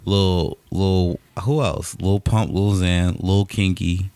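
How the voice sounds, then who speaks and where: A man with a very low voice co-hosting a podcast. He talks casually and haltingly, with many uhs and restarts. The sound is dry and close-miked. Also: little pitch movement, mellow, clear, resonant tone, no echo. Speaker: podcast co-host. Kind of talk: casual chat.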